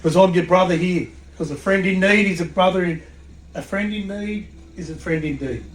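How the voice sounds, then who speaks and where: A man, a podcast guest and coach, telling an animated story in a blunt, swearing way. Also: high-pitched, moderate pace, a little hiss or hum. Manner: blunt, swears freely, acts out quotes. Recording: echoey room.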